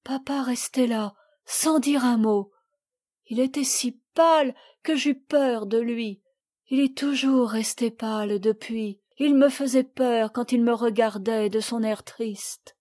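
A woman reading the part of a little girl who sadly recounts a shipwreck, in a gentle, measured voice. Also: fairly high pitch. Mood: sad, earnest. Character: little girl recalling a shipwreck, sad and earnest. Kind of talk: audiobook reading.

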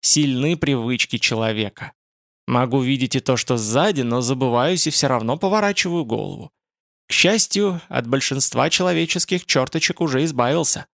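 A man reading an audiobook, voicing a creaky, sinister old male spider-man mage in a slow, gloating manner. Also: medium pitch, fairly bright tone, no echo, studio quality. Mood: sly. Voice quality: creaky, clicking voice.

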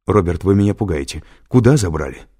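A man's voice: low voice, expressive, a little fast, mellow, breathy edge, exaggerated voice. A man reading an audiobook, voicing a frightened, insistent woman scientist in a raised, urgent voice. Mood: alarmed. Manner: urgent and alarmed.

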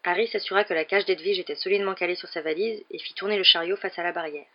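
An audiobook reader narrating a novel in an even, measured way. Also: medium pitch, highs cut off.

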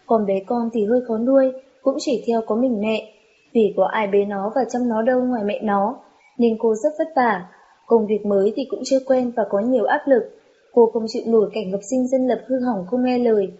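Mellow-toned woman telling a sad story. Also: on the high side, moderate pace. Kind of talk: narrating a true-life story. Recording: dull lo-fi recording.

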